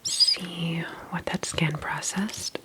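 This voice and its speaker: In a soft-spoken ASMR roleplay, a woman plays a calm healthcare specialist, whispering gently and attentively with a breathy, unhurried, reassuring professionalism. Her voice is on the low side, and the recording quality is poor.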